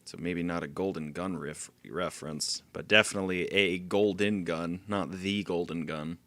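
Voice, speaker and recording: Bright-voiced man swearing through a stealth game. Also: deep voice, fairly even intonation, moderate pace. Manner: frustrated outbursts, swearing, laughing at himself. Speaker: gameplay streamer. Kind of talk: casual gameplay commentary.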